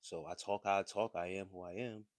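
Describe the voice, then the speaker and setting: Low-voiced man chatting on a livestream. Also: fairly quick, dry recording, clean studio sound. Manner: relaxed, loose, slangy and conversational. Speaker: livestream host. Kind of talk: casual livestream talk answering chat.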